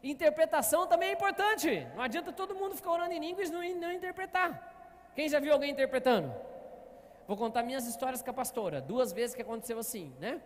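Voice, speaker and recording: A man's voice: extremely high pitch, lively intonation, fast, long reverb tail. A man preaching as pastor, telling stories and often asking the congregation to answer back. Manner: storytelling, often asking the congregation "Amém, amados?". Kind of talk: sermon. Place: church hall.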